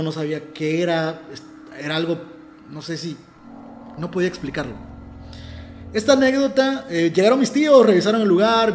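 A man's voice: a little high, a little mellow, roomy sound. A man from Mexico with a Mexican accent, telling a personal story in casual, earnest conversation and often restarting his phrases. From Ciudad del Carmen, Mexico. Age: adult.

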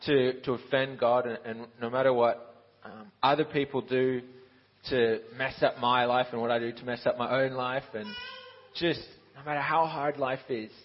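This man in his twenties grew up in Ukraine and studies at Bible college; he first answers questions, then delivers a sermon on a church stage. With a medium-pitched, fairly even voice at a moderate pace on lo-fi audio, he keeps restarting and poking fun at himself.

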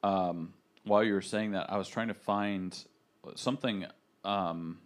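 A man's voice: low voice, fairly even intonation, a little slow. A man co-hosting a podcast, talking casually and reflectively, with frequent hesitations and restarts. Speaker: podcast co-host. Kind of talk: casual faith podcast chat.

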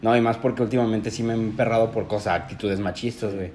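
A man's voice: on the low side, quick pace, a little hiss or hum. Young Mexican man leading a casual chat. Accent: Mexican Spanish. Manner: relaxed, peppers speech with slang. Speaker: podcast host.

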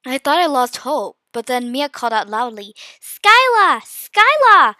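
A woman telling a fantasy story in the first person with a lively, expressive delivery. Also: on the high side, normal speed, dry recording.

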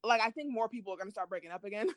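A woman's voice: mid-range voice, lively intonation, rapid-fire, no room sound, clean studio sound. A woman chatting casually at home as a podcast co-host, laid-back and laughing often. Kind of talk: casual chat.

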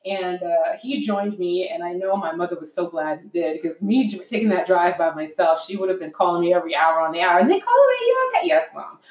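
A young woman chatting casually with her husband, telling stories with lively acted-out voices and frequent laughter. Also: lowish voice, brisk, few pauses, recorded from a distance. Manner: animated storyteller, acts out voices, laughs often. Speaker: co-host of a couples talk show. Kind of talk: casual chat. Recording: roomy sound, off mic.

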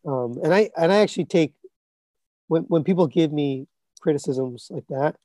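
A collectibles reviewer aged somewhere in his thirties or forties rambles casually as a podcast guest, his scratchy speech full of fillers and restarts. His voice is on the high side and mellow at a normal speed, recorded with no room sound.

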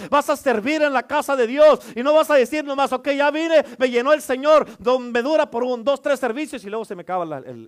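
A man preaching a sermon as a pastor, emphatic, with rhetorical questions and calls for amen. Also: extremely high pitch.

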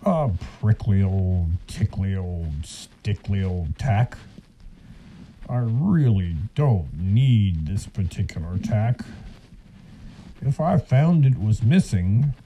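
Grumpy plodding ox, complains slowly, warm low tone, done by a man reading aloud. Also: lively intonation, a little hiss or hum. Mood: complaining.

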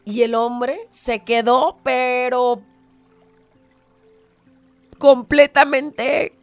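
Woman, radio host, higher voice, earnest storytelling, faint music behind. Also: fairly even intonation, very slow, dry recording. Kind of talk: storytelling reflection.

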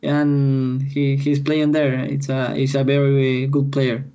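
A Chilean man with a Spanish accent, a footballer answering podcast interview questions in English, halting and repeating words as he searches for them. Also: medium pitch, completely flat delivery, mellow, lo-fi sound. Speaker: footballer guest.

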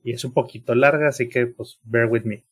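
A man in his thirties with a Mexican accent talks on a podcast. His voice sits at an ordinary pitch. He speaks earnestly to his friends and tags nearly every phrase with slang. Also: steady tone, brisk, slightly rough. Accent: Mexican Spanish. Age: 30s. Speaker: podcast co-host. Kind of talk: casual chat.

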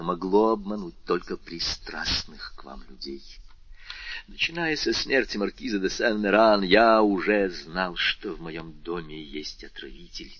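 A man's voice: low voice, bright, forceful tone, husky, no echo, heavily acted. A man reading a cold, menacing prosecutor. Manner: slow, measured and menacing. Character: cold stern middle-aged male prosecutor. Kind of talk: audiobook character reading. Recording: dull lo-fi audio.

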